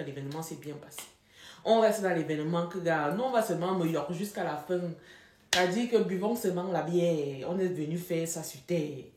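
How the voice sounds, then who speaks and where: A young woman spins a personal story in a casual, animated way, laughing and leaning hard on dramatic moments. Her voice sits low for a woman. The recording carries a roomy echo. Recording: echoey room.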